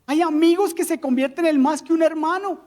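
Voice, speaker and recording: A man with a Colombian accent preaching a sermon as pastor, lively, with rhetorical questions and jokes. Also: extremely high pitch, fairly quick.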